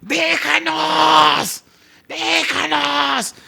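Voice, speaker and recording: A man voicing an unclean demon that screeches in a high, piercing voice. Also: steady tone, takes it slowly, vocal fry, bright, forceful tone, heavily acted. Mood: shrieking. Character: shrieking unclean demon screaming at Jesus.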